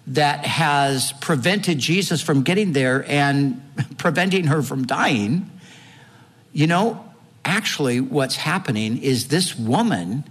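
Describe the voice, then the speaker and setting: A man's voice: on the high side, in a large hall. A man preaching a sermon and retelling a story vividly, with strong emphasis.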